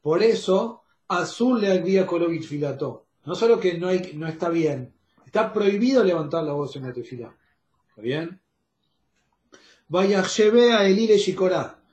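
A man's voice: fairly high pitch, animated, moderate pace, darkish tone, muffled recording. Rioplatense man teaching an online class. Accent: Rioplatense Spanish. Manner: explains step by step, checks in with "¿está bien?". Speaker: Torah teacher. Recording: roomy echo.

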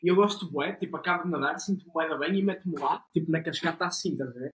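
A man's voice: a little high, fast talker. A young man with a European Portuguese accent, chatting on a podcast with enthusiasm and plenty of slang and swearing. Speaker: podcast co-host. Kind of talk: casual podcast chat.

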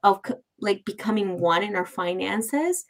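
A woman's voice: mid-range voice, expressive, normal speed, rough recording. A woman in her thirties co-hosting a podcast, chatting casually and laughing often. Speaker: podcast co-host. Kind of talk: casual chat.

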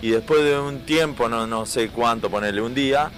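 A man's voice: mid-range voice, normal speed, fairly bright tone, faint music behind. A man with an Argentine accent hosting a casual, joking pirate radio broadcast with loose banter. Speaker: radio host.

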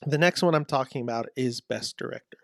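A man giving frank, animated awards-prediction commentary as a film reviewer, reading out quotes. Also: mid-range voice, fairly quick, gravelly, no echo, clean studio sound.

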